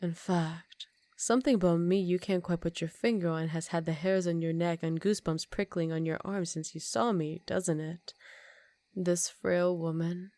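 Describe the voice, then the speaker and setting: Woman acting a low-voiced, seductive vampire countess. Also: fairly even intonation, dark tone, no echo, close to an everyday voice. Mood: quietly menacing. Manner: formal, teasing, slow dramatic phrasing. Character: ancient aristocratic vampire countess, seductive, predatory, condescending. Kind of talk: ASMR roleplay, intimate soft speech with whispered phrases.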